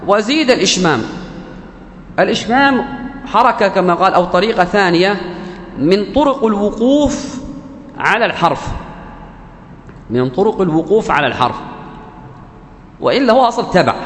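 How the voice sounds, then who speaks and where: A man teaching the rules of Quran recitation in a religious lesson, speaking deliberately and repeating key phrases for emphasis. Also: high voice, expressive, fairly bright tone. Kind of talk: religious lesson explaining a verse text. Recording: echoey hall with faint background hum.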